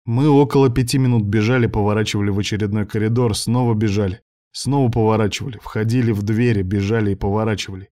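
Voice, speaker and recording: A man reading a first-person audiobook with steady, even storytelling. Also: fairly low pitch, quick pace. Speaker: audiobook narrator.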